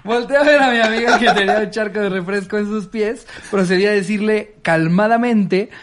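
Laughing high-voiced Mexican man. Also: a little fast, background noise. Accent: Mexican Spanish. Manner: reads with frequent laughter, Mexican slang. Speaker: podcast host reading listener anecdotes. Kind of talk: casual chat, reading stories aloud.

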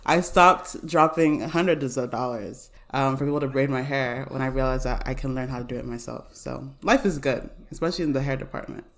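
A woman's voice: rumbling low, brisk, hardly any pauses. A woman hosting a podcast, chatting in an upbeat, casual way. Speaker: podcast host. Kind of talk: casual conversational interview.

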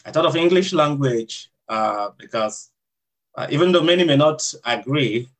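This hospital chaplain, a man with a Nigerian accent, has a slightly high voice with lively intonation. He responds to interview questions thoughtfully and deliberately, often using filler words.

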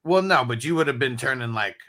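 Easygoing co-host, thirties man, mid-pitched and bright. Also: expressive, quick pace. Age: 30s. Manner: laid-back, short agreeing replies. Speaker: podcast co-host. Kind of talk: casual chat.

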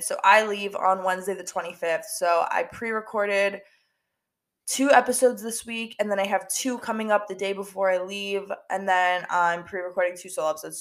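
A young woman hosting a casual solo podcast, talking in a chatty way full of "like" and repeated words, her voice stuffy and nasal from allergies. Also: medium pitch. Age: young adult. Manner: chatty, filler-heavy with lots of "like" and repeats. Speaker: podcast host.

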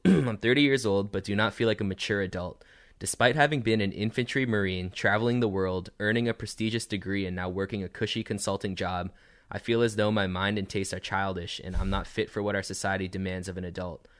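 A man co-hosting a podcast, reading a listener's email aloud in a steady, plain way. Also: on the low side, a little fast, no room sound, clean studio sound.

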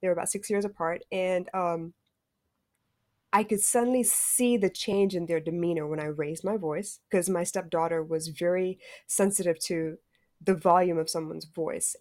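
A woman's voice: on the low side, steady tone, normal speed, darkish tone, no echo, clean studio sound. A middle-aged woman, a podcast guest, speaking frankly and reflectively about raising her stepchildren, with the odd curse word. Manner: frank and reflective, occasional cursing. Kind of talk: candid storytelling about parenting.

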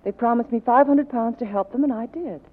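Seductive femme fatale played by an actress, tinny radio. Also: female voice, fairly high pitch, fairly quick, natural voice. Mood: coy, evasive. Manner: coaxing, dramatic. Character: seductive, evasive lying femme fatale, melodramatically vulnerable. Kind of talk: 1940s radio drama acting. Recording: tinny vintage 1940s radio recording.

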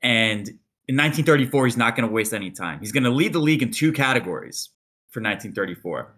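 A man co-hosting a podcast, telling a long story in a casual, animated way and acting out quotes. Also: mid-range voice, fast talker. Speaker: podcast co-host.

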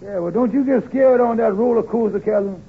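An actor playing a wheedling, excitable small-time con man in a 1950s radio comedy, stammering as he schemes. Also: high-pitched, fairly quick, slightly rough, full character voice. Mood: excited. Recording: tinny, noisy old radio recording.

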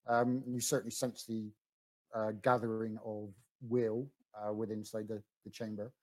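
A man's voice: on the low side, flat delivery, normal speed, a little mellow, low-quality recording. A man narrating as game master of a tabletop game, with frequent ums and restarts. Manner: hesitant, many ums and restarts.

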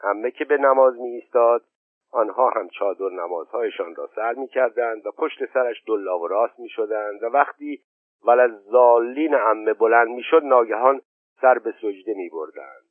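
A man narrating an audiobook in a steady, measured literary reading. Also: medium pitch, no echo. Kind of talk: scripted novel narration. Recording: tinny narrow-band, dry.

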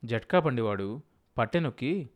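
Steady male audiobook narrator. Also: medium pitch, normal speed, muffled recording. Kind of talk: scripted narration.

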